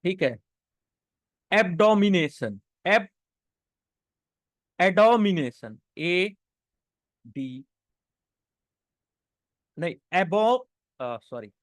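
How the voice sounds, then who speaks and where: A man's voice: high-pitched, big pitch swings, extremely slow, long pauses, no echo. A man teaching an English vocabulary lesson, spelling words letter by letter and often saying "okay" between them.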